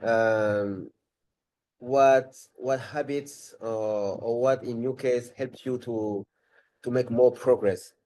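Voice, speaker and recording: A man's voice: medium pitch, steady tone, takes it slowly, mellow, rough recording. A man with a French accent, a language tutor talking in a live webinar, thinking aloud and rephrasing as he goes.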